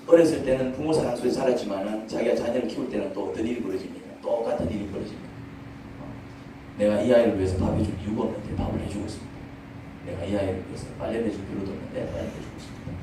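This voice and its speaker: A man's voice: fairly low pitch, very fast, very echoey, far from the mic, background noise. A male pastor preaching a sermon in a church, speaking conversationally and asking the congregation many questions. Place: church sanctuary.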